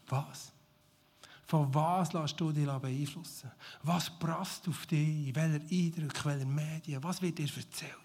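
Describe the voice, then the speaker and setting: Excitable preacher, husky voice. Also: male voice, a little high. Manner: enthusiastic, swings from shouted praise to near-whispered reflection; laughs often, mixes English exclamations into his preaching. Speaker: pastor. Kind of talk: sermon.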